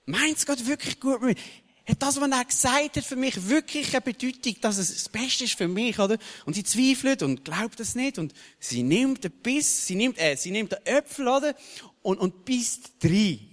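A man's voice: very high voice, normal speed, in a large hall. A man with a Swiss German accent preaching a sermon. He speaks casually and keeps checking in with the listeners by asking "oder?". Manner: animated, casual wording.

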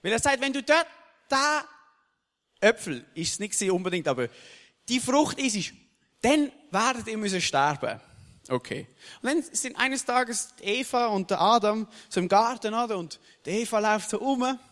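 Animated Swiss German preacher, high and lively. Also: male voice, moderate pace, in a large hall. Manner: conversational, keeps asking "oder?"; animated, casual wording. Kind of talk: sermon.

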